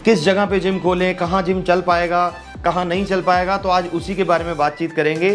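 A man's voice: sits high, flat delivery, brisk, over music. Gesturing man giving gym business advice. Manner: explains with constant hand gestures, mixing English into Hindi. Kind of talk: direct-to-camera advice video. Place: office with trophy shelves, indoors.

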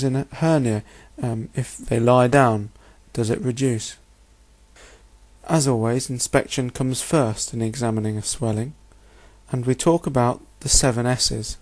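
A man's voice: medium pitch, darkish tone. A man with a mid-range voice delivers a narrated medical lecture. He explains step by step in an orderly, instructional way, often framing points as questions. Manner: clear, methodical, instructional, posing rhetorical questions. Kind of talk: narrated lecture over slides.

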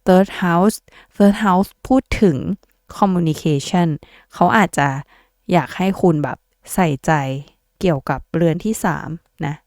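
Young woman, tarot host, playful and chatty; lowish smooth voice, dry close recording. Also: a little mellow, dry recording. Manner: chatty, playful, laughs often and puts on silly voices. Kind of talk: casual tarot reading for viewers.

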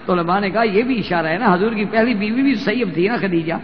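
Male preacher, high voice, sermon with slow chanted verses and lively storytelling; dull, echoey hall recording. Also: a little hiss or hum. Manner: chants Arabic verses slowly, retells stories animatedly. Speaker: religious preacher. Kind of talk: Urdu sermon with Quranic recitation.

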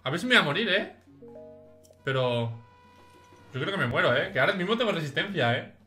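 A young man with an accent from Spain, giving casual, excitable gaming commentary to his chat and swearing freely. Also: on the high side, brisk, soft background music. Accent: Spain Spanish. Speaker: streamer.

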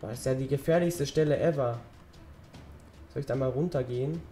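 A teenage boy from German-speaking Europe hosts a gaming channel, rambling chattily through casual let's-play commentary. His mid-range voice is mellow and dark, slightly hoarse from a cold, and a little fast. Faint music plays in the background.

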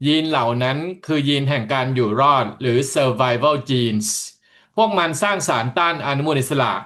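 A man interpreting a talk into another language in steady, continuous stretches after each passage. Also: mid-range voice, normal speed. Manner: steady, continuous rendering of the speaker's points. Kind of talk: consecutive interpreting.

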